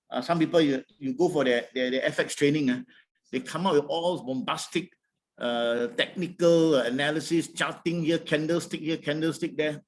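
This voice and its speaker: A man with a Singaporean accent speaking as a trading coach in an informal webinar, colloquial and encouraging, with frequent tag words. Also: a little high. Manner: colloquial Singlish with tags like "all right" and "lah". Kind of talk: informal webinar presentation with audience questions.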